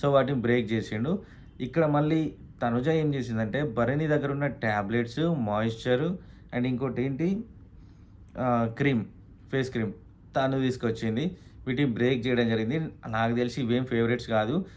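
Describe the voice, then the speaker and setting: A man talks through a reality show episode in a relaxed, chatty way. His pitch sits in the ordinary middle range for a man, and he often pauses on fillers and slips English words into his sentences. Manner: conversational, with frequent fillers and English words mixed in. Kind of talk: casual spoken recap.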